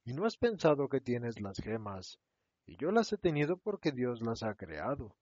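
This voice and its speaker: A man voicing a kind, wise old bearded king who speaks in a measured, solemn way. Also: medium pitch, big pitch swings, a little mellow, no echo. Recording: dull, dry lo-fi recording.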